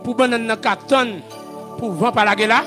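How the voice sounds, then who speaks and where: Man, haitian accent, pastor, sermon, shouting and chanting, very high voice, loud music behind. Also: normal speed. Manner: shouting, chanting preacher with sung calls.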